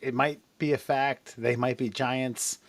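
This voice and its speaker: A man's voice: medium pitch, steady tone, unhurried, no room sound. Wry rambling man hosting a podcast. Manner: rambling, trailing restarts, wry. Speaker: podcast co-host. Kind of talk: casual comedic chat.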